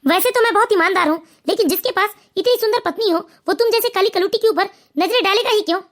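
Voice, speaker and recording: A woman's voice: very high-pitched, fast talker, fairly bright tone. A woman voicing a smug, sleazy young son-in-law in a cartoon, with a mocking, scornful manner. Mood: self-righteous. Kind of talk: cartoon voice acting.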